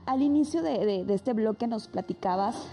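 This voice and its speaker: A woman co-hosting a podcast who asks her guest inviting, gentle questions in a casual chat. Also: a little high, lively intonation, moderate pace, a little hiss or hum. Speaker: podcast co-host.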